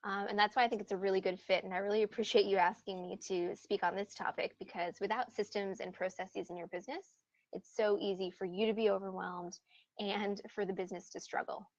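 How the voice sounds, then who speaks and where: Calling in as a guest from upstate New York, an American woman gives a relaxed, conversational interview answer full of ums and "you know." Her voice is medium-pitched and fairly quick, carried over a dull, dry remote call line.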